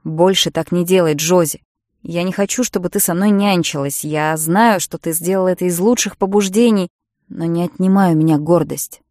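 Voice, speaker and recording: A woman's voice: fairly low pitch, moderate pace, a little mellow, no room sound, close to an everyday voice. A woman voicing a proud, stubborn teenage boy in an audiobook, using her own everyday voice. The recording is dry and close. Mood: tense.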